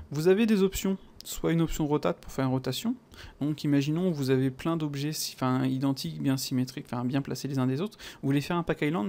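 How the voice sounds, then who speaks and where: A man with a French accent talking through a software tutorial in a casual, chatty way, full of fillers and little sound words. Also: a little high, gravelly. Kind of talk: casual screen-recorded tutorial.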